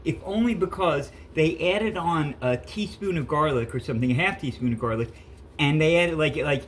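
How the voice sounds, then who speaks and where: A man in his fifties vlogs casually from his home kitchen while fighting a stuffy cold, rambling, chatting and correcting himself as he cooks. His voice is a little high with a fairly bright tone, and there's slight background noise.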